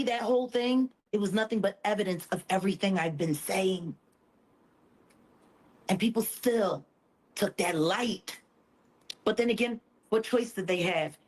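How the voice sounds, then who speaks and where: A woman's voice: mid-range voice, measured pace, husky. A woman talking as a podcast guest, blunt, emphatic and confrontational. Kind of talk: heated podcast conversation.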